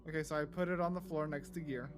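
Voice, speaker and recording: A man playing a tabletop game, describing his moves in casual, halting speech with repeated words. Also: on the high side, steady tone, over music.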